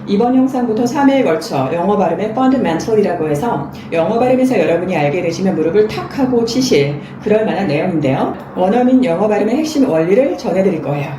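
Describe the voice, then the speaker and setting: A woman's voice: medium pitch, animated, quick pace, few pauses. A woman teaching English pronunciation in a friendly scripted lesson, speaking directly to her viewers. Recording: echoey room with faint background noise.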